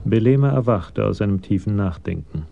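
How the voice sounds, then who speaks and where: A man narrating a radio crime drama in a measured, matter-of-fact way, on a slightly dull 1980s broadcast recording. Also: fairly low pitch, animated, vocal fry.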